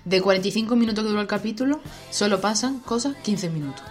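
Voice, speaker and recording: A chatty woman co-hosts a podcast. She talks in quick, lively asides at a middling pitch, with soft music faintly behind her. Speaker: podcast co-host. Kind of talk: casual podcast chat.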